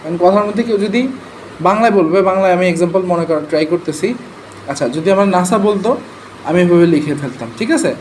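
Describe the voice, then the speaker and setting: A man walks a class through transcription rules. He keeps a relaxed, conversational tone and keeps checking in with his listeners. His voice sits high, with a faint steady hiss underneath. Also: brisk, rough recording. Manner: conversational, checks in often with rhetorical questions. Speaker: transcription trainer.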